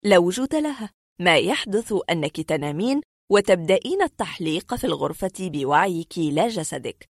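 A composed skeptical doctor lectures in a hushed, lowered voice, put on by a woman reading the story. He explains patiently and reasonably, and the close, dry recording keeps every word near. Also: no room sound. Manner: soft, low and lecturing. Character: calm, skeptical male doctor explaining science. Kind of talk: audiobook reading.

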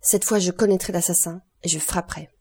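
An anguished middle-aged magistrate, read by a woman in an audiobook, his urgent lines raised a little above her narration. The voice stays dark and slightly husky throughout. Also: fairly low pitch, fairly even intonation, fairly quick. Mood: desperate.

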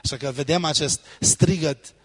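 A man's voice: a little high, a bit bright, breathy edge. Romanian-speaking man preaching a sermon. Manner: quotes scripture, acts out pleading prayers. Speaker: pastor.

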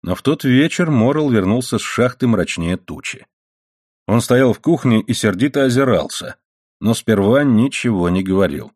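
A man's voice: mid-range voice, lively intonation, normal speed, darkish tone, dry recording, clean studio sound. A man narrating a classic novel as an audiobook, reading expressively and acting out the dialogue.

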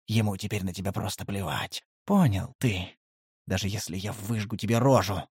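A man voicing a menacing young male half-elf who hisses and growls threats in a low voice. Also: normal speed, darkish tone, breathy edge, no room sound, studio quality.

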